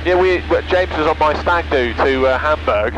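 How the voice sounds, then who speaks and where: A man's voice: a little high, normal speed. Man chatting in a noisy cockpit. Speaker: pilot giving a passenger a flight. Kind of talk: casual chat while flying. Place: microlight cockpit in flight. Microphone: aircraft headset. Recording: dull cockpit headset, loud engine noise.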